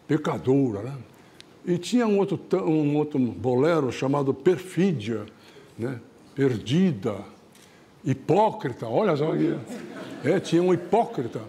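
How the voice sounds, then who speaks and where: A man's voice: fairly high pitch, expressive, a little slow, mellow, slight background noise. A man hosting a show, telling folksy tales in a chatty way with frequent tag questions. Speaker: TV show host. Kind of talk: folksy storytelling.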